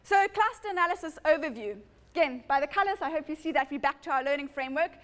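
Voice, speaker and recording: A woman's voice: high voice, animated, fast, a bit bright. A woman lecturing at a conference, explaining steadily and often correcting herself mid-sentence. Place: lecture room with audience.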